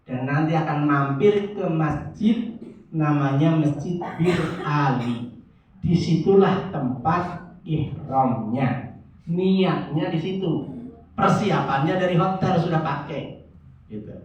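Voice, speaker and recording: A man teaching a crowd, his voice sitting a little high and bouncing around a very echoey hall. He sounds distant from the mic, muffled and dull. Light ambient noise sits under his lively, jokey delivery. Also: slow pace. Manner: lively, jokey, addresses audience as Pak and Bu. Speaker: umrah guide instructor. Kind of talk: religious briefing lecture.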